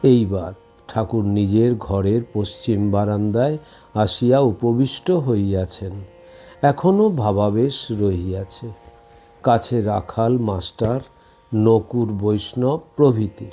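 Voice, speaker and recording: A man reading a devotional scripture aloud in a slow, measured recitation. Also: on the low side, dark tone, faint music behind. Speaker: scripture reader.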